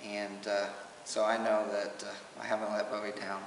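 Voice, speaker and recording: A father speaks his personal testimony at home in a low, even voice with vocal fry, halting and emotional. He's far from the mic, and the recording has an old camcorder feel, a roomy space with long reverb and faint background hiss.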